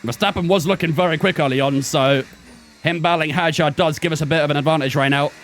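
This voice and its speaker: A gaming streamer in his twenties gives chatty running commentary while racing on a live stream, talking with his chat. His voice is fairly high, steady, fast, and fairly bright, with a little hiss or hum.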